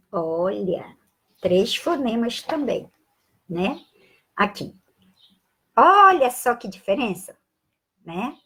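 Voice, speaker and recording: A Brazilian woman teaching a live-streamed Portuguese lesson, spelling sounds out slowly and greeting viewers by name with affectionate asides. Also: fairly high pitch, fairly bright tone, breathy edge. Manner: slow, drawn-out spelling of sounds and letters.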